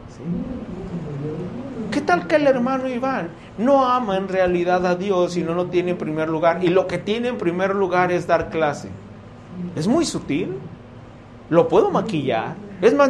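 A man with a Mexican accent teaching a youth Bible class, lively and constantly checking in with his listeners. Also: sits high, noisy background. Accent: Mexican Spanish. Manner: animated, keeps asking "¿sí?" to check his listeners. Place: room with a live class.

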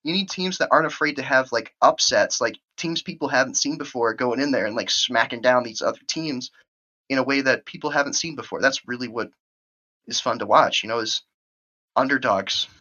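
Tournament organizer, woman, lively and quick, bright tone, lo-fi recording. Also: very deep voice. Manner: animated, quick bursts of speech. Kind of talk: casual podcast interview. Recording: muffled lo-fi audio.

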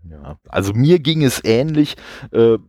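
A man's voice: mid-range voice, big pitch swings, a little slow, darkish tone, no echo, studio quality. Chatty man hosting a retro gaming podcast. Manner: chatty, many fillers, laughs often. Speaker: podcast host. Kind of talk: casual podcast chat.

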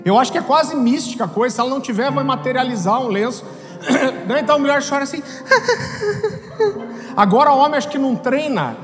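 A Brazilian man, a pastor, telling a story in a sermon with lively humor and acted-out voices. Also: extremely high pitch, quick pace. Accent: Brazilian Portuguese. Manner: animated, acts out voices, jokes. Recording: hall reverb with music behind.

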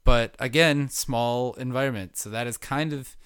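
A man's voice: mid-range voice, steady tone, moderate pace, fairly bright tone, clean tone, no echo. A young man from Milwaukee chatting casually as a guest, easygoing, with many fillers and restarts. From Milwaukee, Wisconsin. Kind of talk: casual chat.

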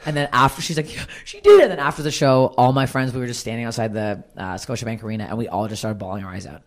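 A comedian from Canada, a woman, chatting candidly on a podcast in a blunt, profane, animated way. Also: rumbling low, very fast. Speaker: stand-up comedian, guest.

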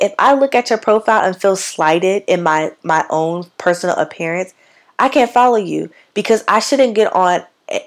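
A young adult woman with a raspy, slightly sick voice, talking bluntly and casually on her solo podcast with slangy asides. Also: fairly low pitch. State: sick, hoarse voice. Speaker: podcast host.

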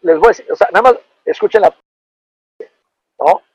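A man's voice: high-pitched, normal speed, slightly rough, no echo, highs cut off. A middle-aged man with a Mexican accent, a former football player telling an anecdote in a casual, profane, slangy way. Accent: Mexican Spanish. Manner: animated, profane, slangy storytelling.

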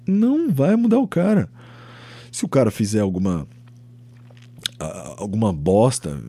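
On his own podcast, a young Brazilian man delivers a rambling, animated opinion monologue, cursing freely and doing voices for the people he quotes. His voice is husky and fairly low, and the recording is dry.

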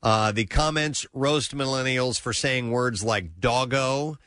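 Man, radio host, bright forceful voice, dry close studio sound, casual news chat. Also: medium pitch, slow pace, clean tone, no echo. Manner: reads news items aloud, laughs often.

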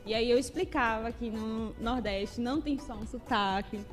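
A woman with a Paraíba Northeastern Brazilian accent, chatting lively as a podcast guest and often laughing. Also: fairly high pitch, moderate pace, long reverb tail, faint music behind. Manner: lively, laughing, imitates regional slang. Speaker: guest, page owner. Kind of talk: casual podcast chat.

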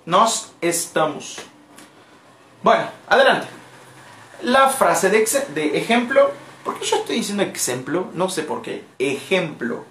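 Slow, lively teacher in a roomy space. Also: mid-range voice, slight background noise. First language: Portuguese. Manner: patient, repeats phrases slowly for learners. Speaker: language teacher. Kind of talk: live online language lesson. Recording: roomy echo.

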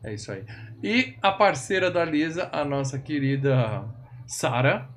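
Higher-voiced man in a joking podcast chat. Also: expressive, a little slow, a little hiss or hum. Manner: chatty, joking, wry asides. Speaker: podcast host. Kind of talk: casual film podcast chat.

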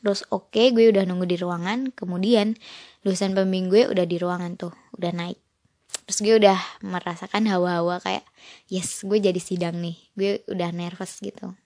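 A woman's voice: on the low side, steady tone, moderate pace, darkish tone, no echo, studio quality. A young woman hosting a podcast, telling a story in casual filled chat and acting out the quoted dialogue. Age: young adult. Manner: chatty, acts out quoted dialogue. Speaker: podcast host.

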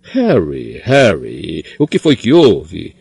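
A man's voice: sits low, wildly swooping pitch, takes it slowly, creaky, a little mellow, slightly rough, no room sound, exaggerated voice. Man as anxious minister, patronizing, dry read. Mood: flustered. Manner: flustered, patronizing. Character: fussy anxious male minister. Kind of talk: audiobook character voice.

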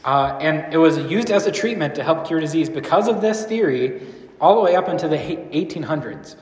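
A man's voice: on the high side, lively intonation, normal speed, darkish tone. Guy giving a loose chatty church talk, lots of questions to the crowd, big echoey hall with long reverb. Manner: conversational, rambling, asks the room questions. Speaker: church speaker teaching a series. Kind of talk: casual teaching talk to a group. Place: large room with a live audience.

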